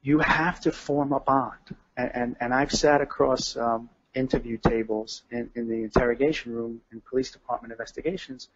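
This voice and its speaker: A man with an average-pitched voice speaks as an interview guest. He is calm and direct, with the measured delivery of a hostage negotiator. The recording sounds a little dull and lo-fi. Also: a little hiss or hum. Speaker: guest, retired police detective and hostage negotiator. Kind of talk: radio interview. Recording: dull, lo-fi audio.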